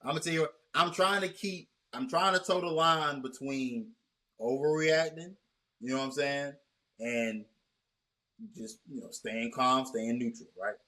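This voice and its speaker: A man hosting a casual sports chat, talking in long rambling runs with many restarts and a measured, cautious tone. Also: medium pitch, steady tone, bright, forceful tone. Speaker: host.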